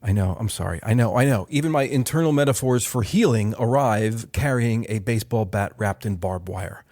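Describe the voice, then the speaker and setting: A man's voice: fairly low pitch, normal speed, darkish tone. A man in his fifties hosting his own podcast, delivering a wry, sardonic solo commentary with profane asides. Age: 50s. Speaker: podcast host.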